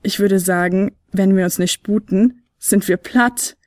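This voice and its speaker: A woman voicing the little flute player, a small level-headed boy in an audiobook, speaking calmly and matter-of-factly. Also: medium pitch, unhurried, no echo, studio quality, natural voice. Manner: calm, flat and matter-of-fact. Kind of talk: audiobook character voice.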